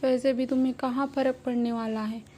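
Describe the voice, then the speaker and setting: A woman's voice: on the high side, little pitch movement, a little fast, warm tone, slight background noise, natural voice. Woman doing a whiny drunk young man. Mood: drunk whining. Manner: pouting, slurred and complaining.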